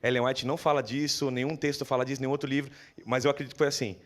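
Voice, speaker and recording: A man with a Brazilian Portuguese accent preaching a sermon in a church, telling the story vividly and acting out dialogue in a lowered voice. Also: little pitch movement, very fast. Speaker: pastor.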